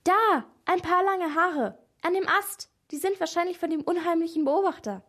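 A woman voicing a bold, quick girl detective who talks in an eager, energetic way. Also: high voice, close to an everyday voice.

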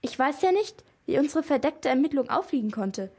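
Woman reading a stern older policeman, formal, firm, high voice, children's story. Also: lively intonation, brisk, warm tone. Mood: explaining.

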